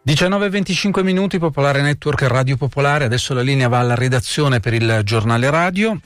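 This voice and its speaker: A man's voice: mid-range voice, fast talker, no room sound, studio quality, soft background music. Man hosting live radio news. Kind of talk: live radio news presenting, reading out statements.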